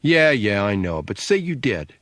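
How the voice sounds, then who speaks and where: A man voicing a sharp-tongued, sarcastic adult sister, needling and scornful, in an audiobook. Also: lowish voice, sing-song, moderate pace, no echo, studio quality.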